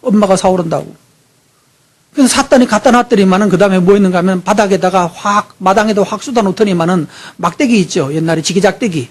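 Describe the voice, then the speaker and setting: A man's voice: high voice, fast. A man preaching a sermon as pastor, telling a story, acting out voices and putting questions to the congregation.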